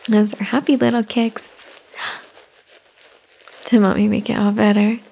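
A woman in an ASMR caretaker roleplay, speaking softly and soothingly, often in a whisper, close to the microphone. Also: mid-range voice, level tone, slow, vocal fry, a little hiss or hum.

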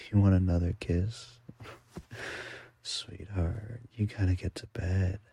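Man murmuring in a gravelly, breathy hush. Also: sits low, flat delivery, drawn-out words, pauses often, no echo. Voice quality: breathy half-whisper. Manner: affectionate, murmuring, lulling someone to sleep. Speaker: boyfriend roleplay ASMR performer. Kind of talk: ASMR roleplay, soft and soothing.

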